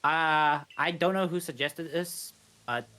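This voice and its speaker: Over video game music, a man gives live speedrun commentary, explaining as he goes while rambling a little and rephrasing. His voice is a little high and sharp, at a measured pace.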